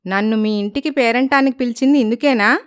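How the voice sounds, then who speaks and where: A woman's voice: on the high side, a little fast, clean tone, natural voice. A woman voicing a poor, proud young village woman who speaks firmly and with dignity. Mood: indignant. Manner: firm, dignified.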